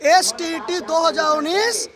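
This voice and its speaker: Male protester, declamatory speech, very high pitch, crowd noise around. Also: unhurried. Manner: fiery, declamatory, accusing. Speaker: protester speaking to press.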